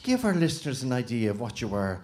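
A man playing a bumbling radio host with a Dublin accent in a comedy sketch, asking halting, repetitive questions. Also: mid-range voice, sing-song, darkish tone, slight background noise, lightly acted. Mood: probing.

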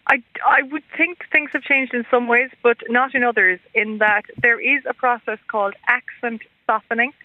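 An Irish woman speaking as an academic guest in a radio interview, explaining things in a measured, formal way. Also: fairly high pitch, fairly even intonation, dry recording. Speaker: guest expert, university lecturer. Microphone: telephone. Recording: narrow, tinny phone line.

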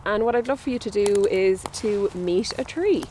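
A woman's voice: mid-range voice, normal speed, mellow. A woman speaking outdoors as a nature guide, explaining things reflectively. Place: outdoors in a forest. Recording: faint outdoor ambient noise.

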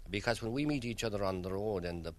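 A man with a Kerry Irish accent, answering interview questions as a local guide with measured, storytelling delivery. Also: fairly low pitch, lively intonation, a little mellow. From County Kerry, Ireland.

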